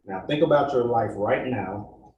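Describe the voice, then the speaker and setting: A pastor leading a congregation through a slow, calm guided meditation, coaching them step by step. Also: male voice, mid-range voice, echoey room, recorded from a distance, dull audio, slight background noise.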